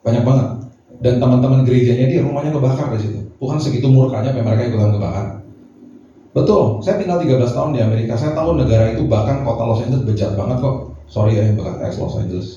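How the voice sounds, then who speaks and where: A middle-aged man, a pastor, preaching a lively sermon full of slangy asides and rhetorical questions. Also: medium pitch, slight background noise. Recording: echoey hall from a distant mic, dull sound, music behind.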